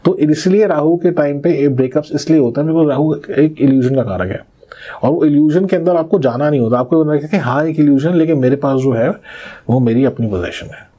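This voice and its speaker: A man talks as the astrologer guest on a podcast, laying out his points with examples. His voice is dark and mellow with a slight husk. He keeps checking that the listener is following. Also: fairly high pitch, a little fast, muffled recording. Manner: didactic, explains with examples and checks "ठीक है?". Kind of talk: explanatory podcast interview.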